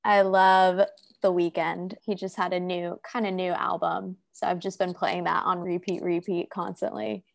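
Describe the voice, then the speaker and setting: A woman's voice: fairly low pitch, level tone, unhurried, creaky, hardly any pauses. A woman appearing as a podcast guest, answering questions in an easygoing, giggly way. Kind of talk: casual interview chat.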